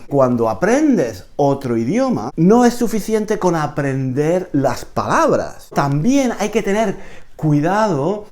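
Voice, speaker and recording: A man from Spain with a Spain Spanish accent, giving a casual video lesson as a Spanish teacher, animated and repeating phrases as he explains. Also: mid-range voice.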